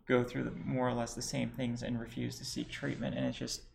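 A man's voice: mid-range voice, level tone, a little fast, vocal fry, slight background noise. A man in his forties co-hosting a casual podcast, telling a personal story with wry, sarcastic asides. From United States. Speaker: podcast co-host.

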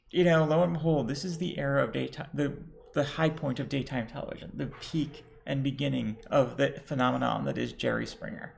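A man in his forties talks in a relaxed, conversational way, slipping sarcastic asides into a long personal story. His voice has a gravelly, fry-edged texture at an ordinary middle pitch. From United States. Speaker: podcast co-host. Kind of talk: casual chat, storytelling.

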